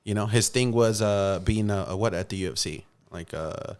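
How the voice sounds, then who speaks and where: A man's voice: fairly low pitch, normal speed, darkish tone, smooth. A man who is a guest on a podcast, chatting in an easygoing way and saying "dude" and "bro". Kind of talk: casual chat.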